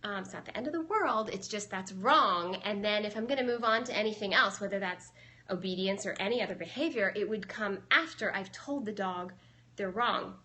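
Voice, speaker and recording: A woman's voice: mid-range voice, fairly quick, pushed and bright. A young adult woman, a dog trainer, casually explaining her methods on a live stream and answering viewers, chatty with many fillers.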